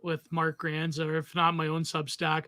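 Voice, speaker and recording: A man's voice: fairly high pitch, monotone, moderate pace, bright, forceful tone. A young man co-hosting a casual live stream, laid-back, laughing often and trailing off. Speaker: podcast co-host. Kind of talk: casual chat.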